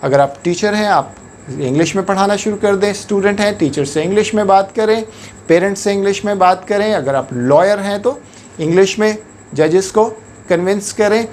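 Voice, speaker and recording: Slight background noise sits under a man's high-pitched, darkish voice as he, a Pakistani English teacher, talks through a lesson. His explanations are patient and measured, and he switches frequently into English words and phrases.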